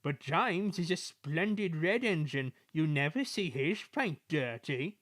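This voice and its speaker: A man's voice: a little high, lively intonation, unhurried, fairly bright tone, dry recording, clean studio sound, voice pushed up. A man voicing a small, innocent, polite male tram engine who speaks thoughtfully, in a storybook reading.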